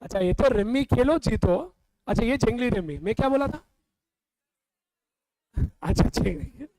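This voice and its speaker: A man from India runs a live class, quizzing students and scolding them playfully. His voice sits very high and he drills through points slowly. The sound is dry and close. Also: expressive, dark tone, dry recording, rough recording. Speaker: teacher. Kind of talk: classroom revision lecture.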